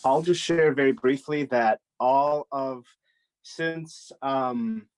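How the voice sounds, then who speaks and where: A man sharing a personal reflection on a workshop video call, halting and searching for words. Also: medium pitch, no room sound. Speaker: workshop participant.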